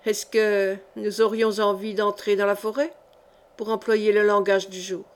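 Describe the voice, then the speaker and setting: A woman reading a grave Spanish gentleman. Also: medium pitch, little pitch movement, unhurried, close to an everyday voice. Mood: serious. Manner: grave and insistent. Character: serious, probing Spanish gentleman.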